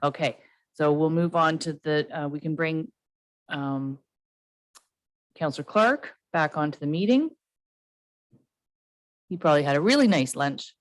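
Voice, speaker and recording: A woman chairing a council meeting as mayor, brisk and informal, with filler words. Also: low-pitched, no room sound.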